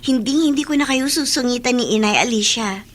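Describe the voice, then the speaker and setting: Here a Filipino radio drama actress portrays a once-snooty schoolgirl, now a remorseful and loving younger sister, with earnest, conversational delivery. Her voice is fairly high and natural, and she speaks fairly quickly.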